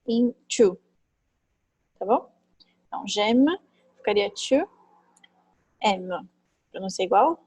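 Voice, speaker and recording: A woman teaching a French class online, chatty and thinking aloud, with many fillers and quick tag questions, on a computer mic. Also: a little high, a little mellow, husky, no echo, low-quality recording. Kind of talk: online class, explaining grammar.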